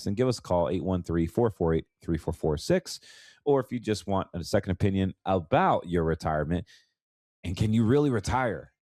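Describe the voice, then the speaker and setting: The voice is low and warm, though stuffed up from allergies: an American financial advisor doing conversational solo commentary on his podcast. He repeats words to make his points, and the recording is dry and studio quality.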